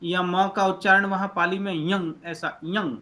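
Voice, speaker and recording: A man's voice: high-pitched, steady tone, a little slow, bright, forceful tone. A man teaching an online class over a video call, patiently explaining letter by letter. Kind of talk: online lecture.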